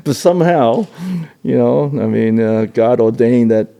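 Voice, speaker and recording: Halting, with frequent laughs and repeated words, an older Hong Kong man gives an oral history interview. He has a mid-range, creaky, mellow voice.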